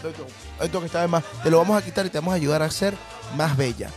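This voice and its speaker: A man's voice: a little high, racing, music in the background. A man with a Venezuelan accent co-hosting a podcast, playful and full of exclamations as he hypes the listeners. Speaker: podcast co-host. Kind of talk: casual comedic chat.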